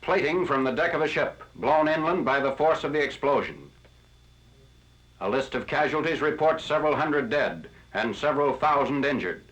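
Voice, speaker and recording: An old 1940s newsreel narration, with a man giving a crisp, formal announcer read. The voice sits a little high for a man. The archival audio is dull and lo-fi. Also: animated, moderate pace, fairly bright tone. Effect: old 1940s newsreel recording. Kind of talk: scripted wartime newsreel narration.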